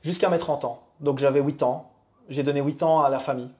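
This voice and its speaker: A man's voice: medium pitch, fairly even intonation, darkish tone. A man in his thirties from Belgium, a coach talking candidly as a guest in a casual interview. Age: 30s. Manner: candid, confiding, fast.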